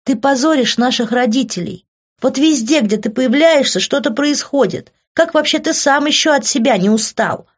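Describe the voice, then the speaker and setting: A woman voicing an angry, jealous young woman who scolds in a raised, shrill voice. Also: moderate pace, muffled recording. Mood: furious scolding.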